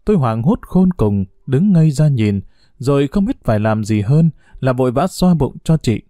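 Male audiobook narrator, mellow dark tone, calm measured reading, dry close sound. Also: medium pitch, no echo. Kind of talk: audiobook storytelling.

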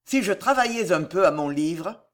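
A woman's voice: lowish voice, animated, moderate pace, lightly acted. A woman reading aloud voices a feverish, frightened young king who mutters to himself. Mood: fearful.

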